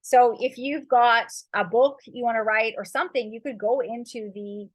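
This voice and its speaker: A woman author with a slightly high voice, speaking at normal speed, shares loose, encouraging writing advice full of "like," "you know," and spiritual turns of phrase. The audio is dull but free of echo.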